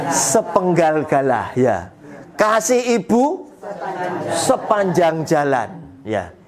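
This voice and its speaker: An older man preaching to an elderly Bible study group in a folksy way, chuckling often. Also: on the high side.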